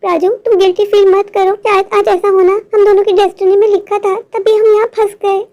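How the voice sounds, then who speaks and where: A woman's voice: extremely high pitch, level tone, a little fast, warm tone. A performer voicing a timid, anxious young girl who pleads and worries in a cartoon. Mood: worried pleading. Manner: pleading, fearful.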